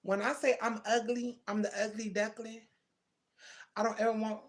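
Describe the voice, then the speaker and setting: Here a livestream host, a woman in her thirties, keeps things casual as she responds to her viewers' comments and calls them "baby" and "twin." Her voice sits a little high, her delivery is flat, and her pace is moderate.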